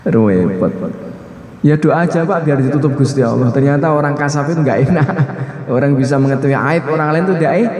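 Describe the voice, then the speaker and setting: Mellow-voiced preacher in an echoey hall. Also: male voice, medium pitch, a little fast. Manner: conversational, repetitive preaching with colloquial asides. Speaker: religious teacher. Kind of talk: casual Islamic study sermon. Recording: echoey hall with long reverb.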